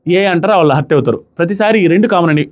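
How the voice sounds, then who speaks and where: A man reviewing a reality show in casual commentary, retelling each quarrel with animated quoting. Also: high-pitched, rapid-fire. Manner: animated retelling, acts out quotes.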